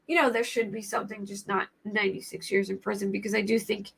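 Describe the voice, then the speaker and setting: A woman's voice: mid-range voice, steady tone, fast, vocal fry, a bit bright, breathy edge. A woman with an American accent and a scratchy voice, hosting a casual livestream and rambling informally as she thinks aloud. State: scratchy voice today. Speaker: livestream host commenting on true crime cases. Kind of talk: casual livestream chat commentary.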